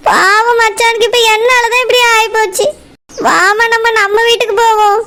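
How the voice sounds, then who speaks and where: A woman's voice: very high voice, flat delivery, normal speed, heavily acted. A woman voicing a tearful, newly married young village woman who speaks plaintively. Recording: loud background noise.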